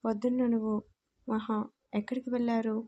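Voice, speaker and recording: A woman voicing a stern, quick-tempered young husband who scolds with demanding questions in a storybook reading. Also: a little high, flat delivery, warm tone, highs cut off, natural voice. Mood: angry.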